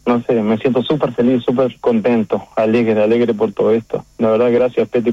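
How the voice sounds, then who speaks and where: A middle-aged man with a Uruguayan accent, a chef talking about his restaurant's award in a phone interview, halting and emotional, with many restarts. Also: mid-range voice, no room sound. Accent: Uruguayan Spanish. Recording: dull phone line.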